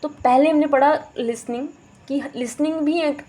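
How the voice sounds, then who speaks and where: A woman's voice: high-pitched, steady tone, normal speed, mellow, low-quality recording. Woman teacher explaining a lesson. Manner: explanatory, mixes English terms into Hindi, demonstrates pronunciations. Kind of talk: explaining a teaching course in Hindi.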